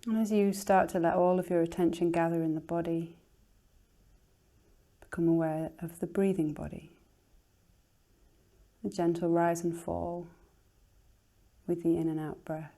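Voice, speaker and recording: Leading a guided relaxation, this woman teacher gives gentle, unhurried, soothing instructions in a fairly low voice with little pitch movement. Her soft delivery turns breathy as phrases close.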